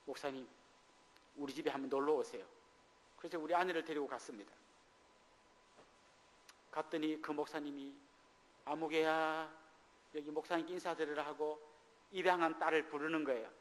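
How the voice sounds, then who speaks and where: A middle-aged man preaches from the pulpit, his fairly high voice carrying through the long reverb of a church hall. He tells a personal testimony and acts out the voices of the people in his story. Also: fairly even intonation, a little fast, pauses often. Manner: storytelling testimony, acting out quoted dialogue. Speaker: pastor. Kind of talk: sermon. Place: church sanctuary.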